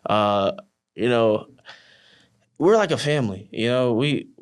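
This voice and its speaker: A young man, a college wrestler and team captain, chatting casually in an interview with many "you know" fillers and lively storytelling. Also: mid-range voice, unhurried, clean tone. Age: young adult. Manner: relaxed, many fillers like "you know", animated when telling stories.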